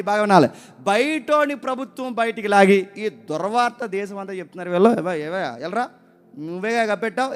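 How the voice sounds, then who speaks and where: High-pitched man preaching a sermon. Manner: rhetorical questions to the congregation, urging them to listen; emphatic, repeats key words.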